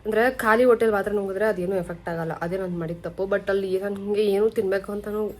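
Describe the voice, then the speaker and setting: A woman's voice: mid-range voice, fairly even intonation, fast talker, heavy background noise. A young woman, chatting casually to camera at home in a vlog, telling stories. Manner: chatty, storytelling, shifts loud and soft. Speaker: vlogger.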